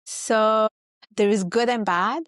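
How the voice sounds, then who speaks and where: Friendly and chatty, an Italian woman in her thirties talks about her life as a podcast interview guest, rattling off lists as she goes. She speaks slowly in a fairly high voice, and the studio sound is clean with no room echo.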